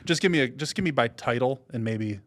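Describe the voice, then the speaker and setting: A man co-hosts a relaxed podcast, telling stories with animated delivery. He acts out the people he quotes, swinging his voice up and down for each one. His talk is loose, casual chat. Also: medium pitch, brisk. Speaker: podcast co-host.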